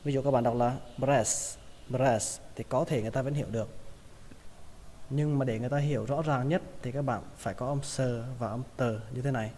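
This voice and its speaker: A man's voice: medium pitch, steady tone, warm tone, a little hiss or hum. Man teaching English pronunciation in a reverberant hall. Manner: slow repeated word drills. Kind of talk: pronunciation lesson.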